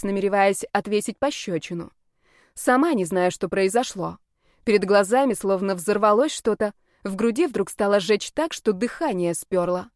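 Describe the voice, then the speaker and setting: Woman, audiobook narrator, wry lively delivery, mid pitch, dry close mic. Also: no room sound. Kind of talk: first-person audiobook narration.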